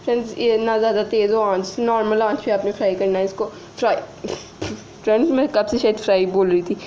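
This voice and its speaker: A young woman chats her way through a recipe in her home kitchen, talking straight to viewers as friends. Her voice sits at an ordinary middle pitch. She often breaks into giggles. A faint hum of kitchen noise runs underneath. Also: steady tone, fairly quick, warm tone, rough recording. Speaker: vlogger. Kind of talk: casual cooking vlog.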